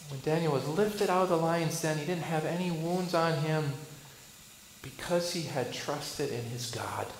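A male Lutheran pastor preaching a sermon. He asks rhetorical questions and swings between loud bursts and hushed lines. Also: on the high side, a little slow, reverberant, a little hiss or hum, low-quality recording.

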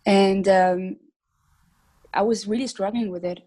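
A woman's voice: mid-range voice, steady tone, a little slow, mellow, rough recording. Hesitant young woman from Switzerland. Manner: hesitant, many ums, laughs between thoughts. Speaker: singer, podcast guest. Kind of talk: casual interview answers.

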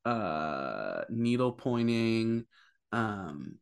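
A man in his thirties co-hosting a podcast, thinking out loud with lots of hesitations and restarts. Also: lowish voice, very animated, drawn-out words, creaky, smooth. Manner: hesitant, searching for words, curious. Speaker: podcast co-host. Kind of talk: casual chat.

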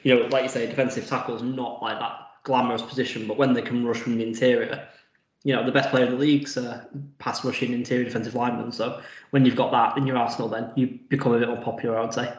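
A man talks fast in a casual podcast chat, piling up fillers and restarts. His pitch stays flat. The audio sounds roomy and dull, like a lo-fi call. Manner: quick, filler-heavy analysis with many restarts. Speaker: podcast guest.

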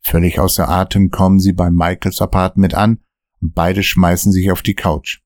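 A man narrating a scripted story podcast in a steady, measured way. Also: deep voice, no echo, studio quality.

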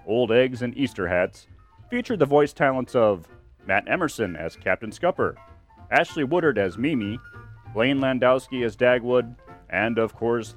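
Male radio announcer over music. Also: mid-range voice. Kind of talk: scripted radio-style announcement.

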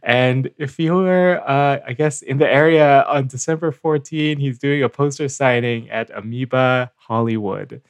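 A man co-hosting a podcast in casual chat, talking haltingly with many fillers and restarts. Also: mid-range voice, clear, resonant tone, no room sound. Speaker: podcast co-host.

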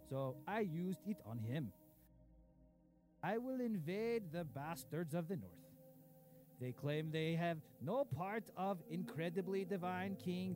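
Comedy dark lord diary read, by a male actor: pompous tyrant, very slow delivery, faint music underneath. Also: high voice. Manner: broken grammar, slow and boastful, pompous. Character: cruel pompous dark lord king writing his diary. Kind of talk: comedic audio sketch.

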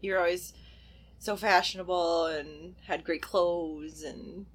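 A woman's voice: fairly low pitch, fairly even intonation, takes it slowly. A woman co-hosting a podcast in natural, unscripted casual talk, informal and bantering with her friend. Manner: informal, brief interjections and banter. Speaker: podcast co-host.

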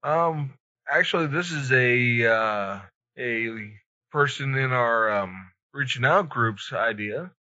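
A man's voice: mid-range voice, slow pace, sharp tone. A man hosting a podcast, chatting casually with hesitant, laid-back phrasing. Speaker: podcast host. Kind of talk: casual conversational podcast chat. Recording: slightly muffled, lo-fi podcast sound.

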